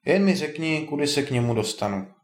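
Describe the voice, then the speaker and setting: A man voicing a timid, lovesick young male dwarf who speaks slowly and wonders aloud. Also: fairly high pitch, lively intonation, close to an everyday voice. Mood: puzzled. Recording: roomy echo.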